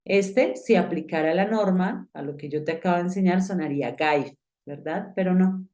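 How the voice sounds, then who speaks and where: A woman's voice: on the low side, moderate pace, mellow. A woman teaching an online English class, explaining step by step and putting direct questions to the student. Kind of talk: online lesson.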